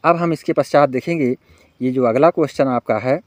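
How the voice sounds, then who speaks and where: A male teacher giving an exam-prep lecture in Hindi. He explains each point, slowly reads out English questions word by word, and keeps calling his listeners friends. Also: mid-range voice, darkish tone, dry recording.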